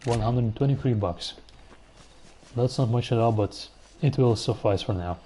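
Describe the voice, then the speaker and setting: A man talks through his game in a live stream, relaxed and unhurried. His voice is soft and mellow at a middling pitch. Faint game sounds of horses and outdoor ambience run behind him. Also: slight background noise. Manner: relaxed, musing aloud while playing, answering chat. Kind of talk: casual gameplay commentary.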